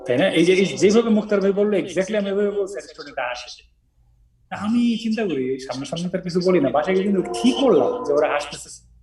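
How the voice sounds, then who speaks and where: A man from Bangladesh teaches English word stress in a relaxed chat, demonstrating each word out loud. His voice sits slightly high and sounds distant from the microphone. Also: a little fast, crowd noise.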